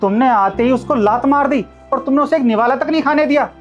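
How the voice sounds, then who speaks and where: A man's voice: very high voice, fairly quick, lo-fi sound, soft background music. A man playing a husband who lectures his wife about treating a guard with respect. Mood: stern. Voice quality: lecturing, moralising. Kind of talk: amateur short-film acting.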